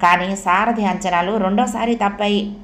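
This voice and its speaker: A woman narrating a full novel as an audiobook, in a steady, measured storytelling manner. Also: medium pitch, a little hiss or hum. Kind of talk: novel reading. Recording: roomy echo.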